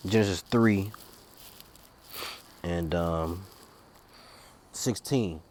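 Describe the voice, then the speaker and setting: A man with a low, mellow voice reads Bible verses in a slow, solemn cadence. Between passages he slips into loose, drawling commentary, stumbling over and repeating words as he talks. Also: slight background noise. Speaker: street preacher. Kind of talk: Bible reading with casual commentary.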